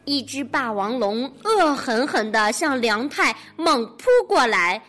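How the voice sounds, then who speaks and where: A woman narrating a picture-book story for children in an expressive storytelling manner. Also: a little high, measured pace, faint music behind.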